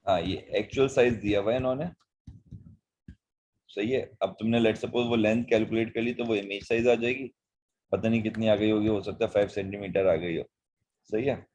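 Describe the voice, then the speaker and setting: Husky-voiced, low-pitched male biology teacher. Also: steady tone, moderate pace, a little mellow, lo-fi sound. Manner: patient, explains step by step in mixed Hindi and English. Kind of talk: online past-paper lesson.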